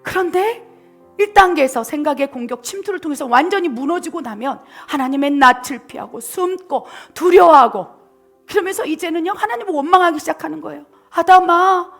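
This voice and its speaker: A woman pastor delivers a fervent sermon in a very high, bright-toned voice, rising to near shouts and sinking to hushed whispers. She is middle-aged and preaches with emotional urgency. Soft music plays faintly underneath. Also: animated, brisk, gravelly. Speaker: missionary pastor. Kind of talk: passionate sermon.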